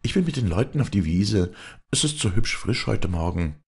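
A man voicing an earnest young village woman in a fairy-tale reading, speaking gently. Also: lowish voice, lively intonation, normal speed, slightly rough, voice pushed up, full character voice.

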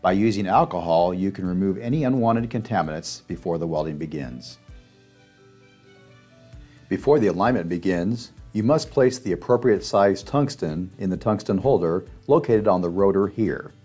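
Male voice-over, very low pitch, steady instructional read, faint music behind. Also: moderate pace. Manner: steady instructional step-by-step delivery. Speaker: narrator of a demonstration video. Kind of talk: scripted narration.

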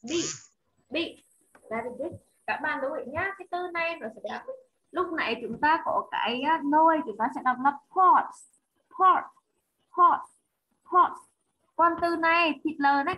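A woman teaching English to children online, slowly repeating each word with careful enunciation. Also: high voice, slight background noise. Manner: slow repeated drilling of single words, clear enunciation. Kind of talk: online class drilling vocabulary. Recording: muffled lo-fi online call audio.

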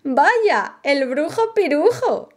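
A woman's voice: high voice, very animated, takes it slowly, pitched above the performer's own voice, exaggerated voice. A woman voicing a clever, cheeky little girl who teases a wizard in sing-song rhymes in a storybook reading. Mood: teasing.

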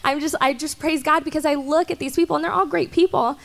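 A young woman in her twenties speaking on a church stage panel, chatty and earnest with many ums and soft laughs, into a handheld mic. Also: high-pitched, steady tone, quick pace, vocal fry. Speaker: panel guest.

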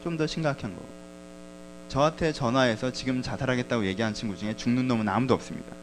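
A man's voice: mid-range voice, quick pace, background noise. A man preaching a sermon as pastor, talking conversationally and asking the congregation questions.

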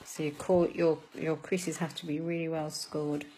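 A woman's voice: low-pitched, flat delivery, moderate pace, mellow, a little hiss or hum, poor audio. A woman giving a live craft demonstration, chatting with viewers as she works and laughing at her own fumbles. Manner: chatty, greets viewers by name.

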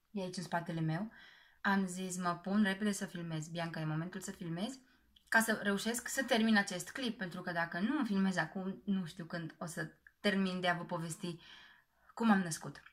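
A woman's voice: mid-range voice, fairly bright tone. A young woman vlogging to camera, chatting candidly and straight to her viewers. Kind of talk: casual vlog to camera.

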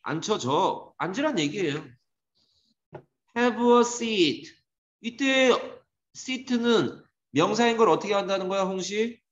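A man teaching an English grammar lesson to a class, lively and teasing, scolding students. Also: sits high, slow. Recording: dull echoey classroom recording.

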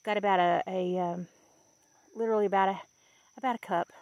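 A woman's voice: medium pitch, fairly even intonation, brisk, a little mellow, highs cut off. A woman in her fifties walks outdoors through a blackberry patch and films a homey, chatty vlog with fillers and easy laughs. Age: 50s. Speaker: vlogger.

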